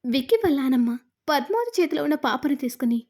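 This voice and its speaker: A woman retelling a TV serial episode as a storyteller, in a steady recounting manner. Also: high voice, quick pace.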